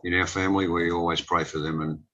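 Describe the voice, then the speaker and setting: A man's voice: deep voice, little pitch movement, quick pace, a bit bright, highs cut off. A man hosting a webinar who thanks callers and tells them he is praying for them. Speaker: webinar host.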